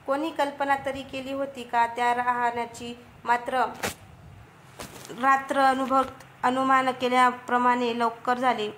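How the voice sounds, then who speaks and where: A woman narrating a story as a storyteller in a steady, measured reading voice. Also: on the high side, a little hiss or hum.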